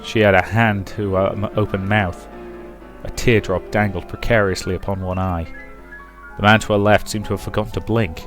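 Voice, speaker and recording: A let's player narrates a visual novel playthrough, reading the story out loud and rambling through casual commentary. His voice is fairly low and fairly bright, his tone steady, and his pace moderate, with faint music in the background.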